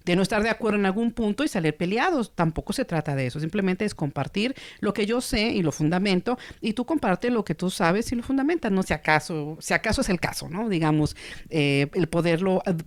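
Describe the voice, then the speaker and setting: A woman psychotherapist, teaching calmly and carefully on communication, now and then acting out quoted voices. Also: lowish voice, no room sound. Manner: calm, measured, with playful acted quotes.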